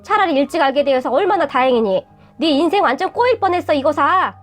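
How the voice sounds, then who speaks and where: Woman reading as a serious middle-aged parent, scolding, lower than her usual voice, faint music. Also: animated, fast.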